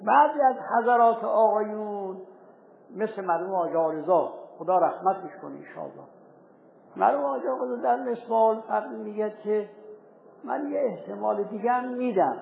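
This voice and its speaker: A man teaching a seminary jurisprudence lesson, reciting Arabic texts slowly and deliberately, then explaining them in plain everyday speech. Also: sits high, vocal fry. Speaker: religious teacher. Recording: tinny phone-like recording with faint hiss.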